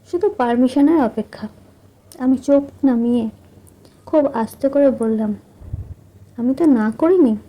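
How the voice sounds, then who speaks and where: High, warm-voiced woman telling a love story. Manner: soft, intimate, measured. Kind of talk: first-person romantic story narration.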